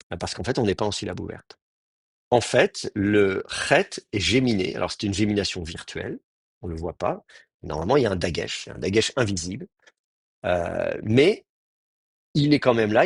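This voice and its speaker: A man's voice: lowish voice, husky, dry recording, studio quality. A man teaching an advanced Hebrew class, explaining grammar step by step with many fillers and restarts.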